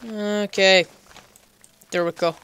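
Smooth-voiced playful young man gaming. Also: sits high, fairly even intonation, takes it slowly, sharp tone. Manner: playful, chatty self-talk with goofy animal nicknames. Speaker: gaming channel host. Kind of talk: casual let's play commentary.

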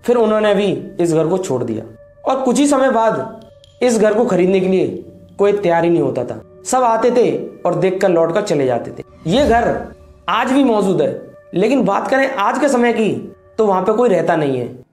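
A man in his twenties hosting a channel, telling a horror story to camera in a dramatic way, dropping low on ominous lines. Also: sing-song, normal speed, a little mellow. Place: small indoor room with cloth backdrop. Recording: echoey room, faint background music.

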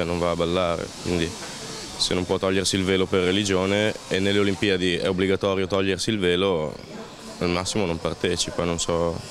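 A man in his thirties answers calmly into a handheld mic out on a busy street. His voice is very low and stays flat. A light bed of street noise sits behind him. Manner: calm, reasoned, reflective. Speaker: street interviewee. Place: outdoors on a busy town street. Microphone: handheld interviewer mic.

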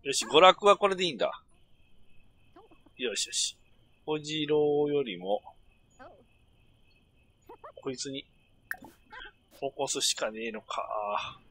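A middle-aged man talks over a game in a loose, grumbling mutter. His pitch swings widely from low asides to sharp yelps, and his voice has a bright, tense edge. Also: expressive, slow pace, gravelly, long pauses. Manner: grumbling, muttering running commentary with sudden outbursts. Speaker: gameplay commentator. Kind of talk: casual game commentary.

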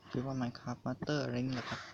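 A young man hosting a casual gaming app tutorial, soft-spoken and hesitant, full of fillers with some mild swearing, recorded quietly on a cheap mic. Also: medium pitch, flat delivery, a little fast, creaky. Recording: quiet lo-fi recording with loud hiss.

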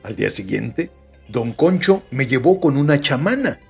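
Gravelly Mexican man reading stories. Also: mid-range voice, sing-song, normal speed, soft background music. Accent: Mexican Spanish. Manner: chatty, joking asides between read passages. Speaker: podcast host reading listener stories. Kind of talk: casual storytelling reading.

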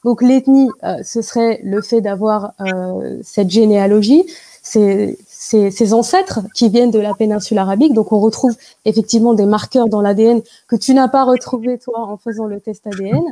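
A young woman answering interview questions over a video call, explaining carefully with many pauses and fillers. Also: medium pitch, dark tone, no echo, rough recording. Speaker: guest. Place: indoor room at home. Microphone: video call with wired earphone mic.

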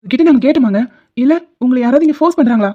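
A woman voicing a protective, hot-tempered young husband in an animated drama, scolding in fast outbursts. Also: high voice. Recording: dull lo-fi audio.

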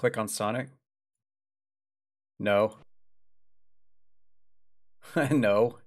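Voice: mid-range voice, lively intonation, moderate pace. A streamer giving casual, wry commentary while playing a game. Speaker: let's play streamer.

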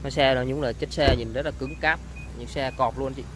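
A man giving an informal, halting sales walkaround of a used car, often repeating himself. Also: medium pitch, steady tone, a bit bright. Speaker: used-car seller presenting a car. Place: outdoors on a street beside a car. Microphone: handheld camera, speaker behind it. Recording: outdoor ambient noise.

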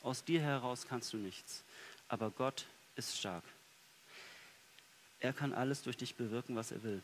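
Male preacher, mid-pitched, earnest sermon delivery with soft and emphatic turns; faint hiss on the recording. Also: unhurried. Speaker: pastor. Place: church.

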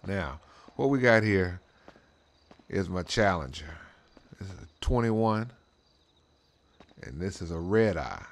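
The drag racing role-play channel host takes his time, speaking low and expressively with frequent pauses. His commentary is casual, slangy, and meandering, peppered with "you know what I'm saying," against clearly audible background noise.

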